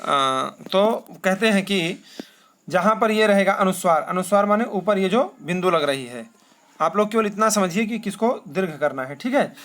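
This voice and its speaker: A man. He chants verses slowly and poses questions that he then answers himself. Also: sits high, lively intonation, a bit bright. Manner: asks rhetorical questions and answers them himself. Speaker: Sanskrit teacher. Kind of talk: classroom lesson.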